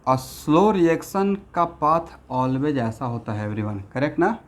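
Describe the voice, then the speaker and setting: A man's voice: medium pitch, very animated, measured pace. A male chemistry teacher lecturing a classroom in Hindi mixed with English terms, constantly checking that students follow. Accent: Assamese-influenced Hindi.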